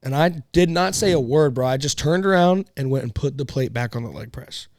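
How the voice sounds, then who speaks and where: A man co-hosting a casual podcast, telling a story in a loose, profane, animated way. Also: mid-range voice, brisk, dry recording, clean studio sound. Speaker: podcast co-host.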